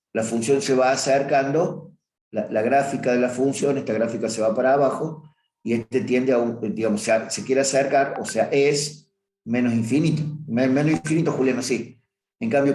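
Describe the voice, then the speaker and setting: A man's voice: medium pitch, darkish tone. A man teaches a math review class in a plain middle register. He talks his way through a graph and keeps stopping to correct himself. His voice rings in a roomy, echoey space. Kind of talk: review class lecture on limits. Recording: roomy echo.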